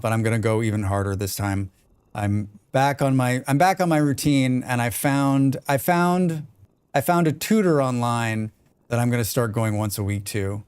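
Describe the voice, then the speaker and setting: A man with a plain General American accent chats casually on a live game stream, rambling and answering his chat. His voice is medium in pitch with a darkish, smooth tone, and there's no room sound.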